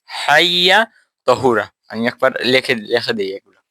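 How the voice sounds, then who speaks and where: A man teaching a tajweed class, explaining step by step and quizzing his students, with slow drawn-out letters. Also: mid-range voice, lively intonation, sharp tone, a little hiss or hum. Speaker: Quran recitation teacher.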